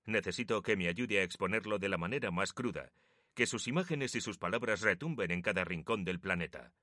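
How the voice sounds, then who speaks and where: A man's voice: lowish voice, lively intonation, brisk, pushed and bright, no echo, clean studio sound. A man voicing a businesslike male recruiter who speaks formally and persuasively.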